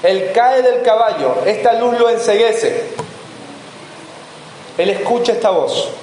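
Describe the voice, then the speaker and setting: A pastor delivers a sermon in a slow, expressive way, his high-pitched voice carrying a darkish tone as he poses rhetorical questions to the congregation. The recording captures the echo of a church hall along with faint room noise.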